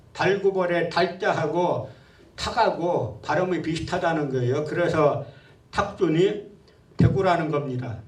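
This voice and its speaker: A man's voice: on the high side, reverberant, distant mic. A man giving a public history lecture, scornful and full of rhetorical questions.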